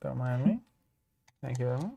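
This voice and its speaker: A young man co-hosting a card game stream, trading dry, sarcastic deadpan quips. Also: medium pitch, brisk, creaky. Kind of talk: casual playthrough banter.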